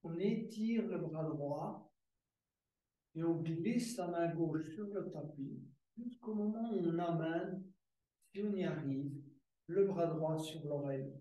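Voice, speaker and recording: A man teaching a guided yoga class, giving calm, slow step-by-step breathing cues with soft repeated words. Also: a little high, lo-fi sound. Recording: very echoey room, mic far away.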